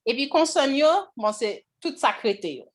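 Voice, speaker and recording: Slow-paced woman teaching a class. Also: on the high side, sing-song. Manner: slow, checks in with the class often. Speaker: language teacher. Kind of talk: classroom lesson on pronunciation.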